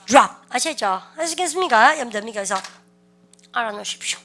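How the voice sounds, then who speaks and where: A woman teaches English with a bright, forceful edge to her voice. Her voice sits a little on the high side. She quizzes her class again and again and stretches out English words slowly for pronunciation practice. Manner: drills students with repeated questions; slow, exaggerated English pronunciation drills. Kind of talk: lively classroom-style lesson.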